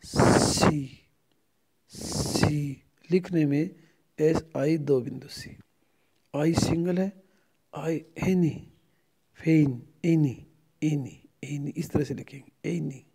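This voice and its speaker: A man's voice: on the high side, steady tone, very slow, creaky, long pauses, dark tone, breathy edge. A middle-aged man with an Indian accent, a native Hindi speaker, teaching a phonetics lesson. He repeats each word aloud several times as he drills the vowel sounds. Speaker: English lecturer.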